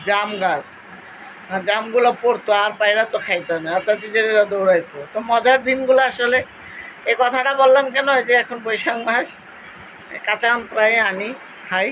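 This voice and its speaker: A woman's voice: on the high side, a bit bright, slight background noise, low-quality recording. A woman with a Cumilla Bengali accent, talking casually to her followers and reminiscing at length, with many fillers. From Cumilla, Bangladesh. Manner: rambling, nostalgic storytelling with fillers. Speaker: vlogger.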